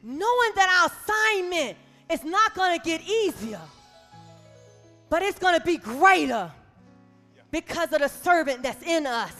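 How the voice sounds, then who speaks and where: High, bright-voiced woman preaching in a hall. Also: sing-song, unhurried, long pauses, soft background music. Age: 40s. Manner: impassioned, call-and-response preaching that swells into shouts. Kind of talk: sermon.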